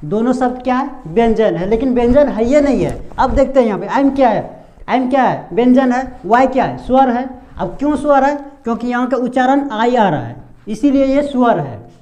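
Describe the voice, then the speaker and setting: A man's voice: very high-pitched, lively intonation, normal speed, darkish tone. A man giving a whiteboard pronunciation lesson as an English teacher, asking rhetorical questions and repeating sounds.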